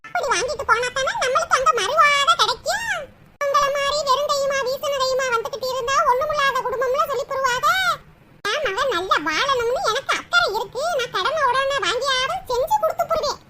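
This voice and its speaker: A woman voicing a scheming, nagging older mother-in-law in a cartoon, with a shrill, squeaky voice and a sarcastic, taunting way of scolding. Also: fairly quick, bright, forceful tone. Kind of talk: cartoon dubbing. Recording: noisy recording.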